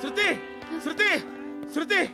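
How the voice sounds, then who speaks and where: An actor playing a pushy, lovestruck comic suitor who keeps pleading and insisting. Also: male voice, very high voice, slow, over loud music. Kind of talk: comic film dialogue.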